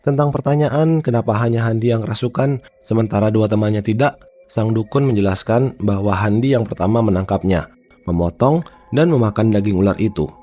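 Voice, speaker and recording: A man tells horror tales as a scripted narrator. His voice is lowish and distinctly dark and soft-edged, with a measured, formal horror-host delivery. Faint music plays underneath. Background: faint background music.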